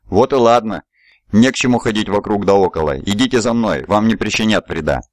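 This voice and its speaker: A man voicing a composed shaven-headed man in charge, calm, cool and commanding. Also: on the low side, fairly quick, no echo, clean studio sound, close to an everyday voice.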